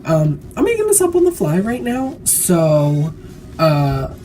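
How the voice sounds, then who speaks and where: A woman's voice: low-pitched, wildly swooping pitch, slow, mellow, a little hiss or hum. A woman giving a casual, chatty makeup tutorial while tipsy, rambling drunkenly and swearing freely.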